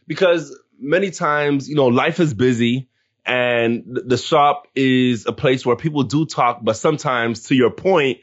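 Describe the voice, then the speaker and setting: A man's voice: mid-range voice, measured pace, dull audio. A man who runs community discussions, speaking as a guest in a casual interview and explaining earnestly, often repeating words as he starts.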